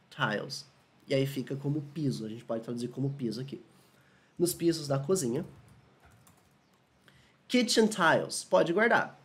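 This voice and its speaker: Upbeat and casual, this man teaches English in a video with a Brazilian Portuguese accent and a mid-range voice. He regularly asks viewers whether they agree and slows down for the English examples.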